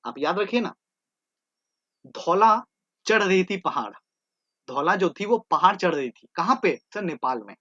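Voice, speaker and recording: A man's voice: high-pitched, lively intonation, unhurried, pauses often, sharp tone, no echo, lo-fi sound. A man teaching an online exam-prep class, drilling terms by repetition and joking between them. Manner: repeats terms in chanted drills, jokey asides.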